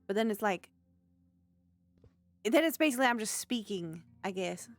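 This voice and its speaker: A woman's voice: medium pitch, expressive, moderate pace, dry recording. A woman with a Southern accent, chatting casually and playfully, giggling often. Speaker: streamer. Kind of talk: casual out-of-character chat.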